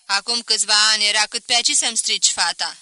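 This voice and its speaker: A brash, plump widowed mother-in-law in a storybook reading, loud and teasing, a little raised in pitch, as a woman puts her on. The sound is bright and dry, close to the mic. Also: smooth, dry recording.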